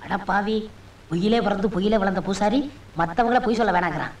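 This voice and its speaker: An actor playing a cheeky scheming disciple of a sorcerer, muttering sly asides, in a film comedy. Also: male voice, sits high, fast talker, lightly acted.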